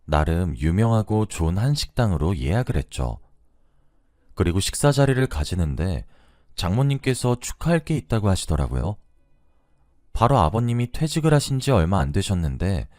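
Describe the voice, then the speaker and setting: A man's voice: sits low, mellow, dry recording, clean studio sound. A man narrating a first-person story in a conversational, recounting way.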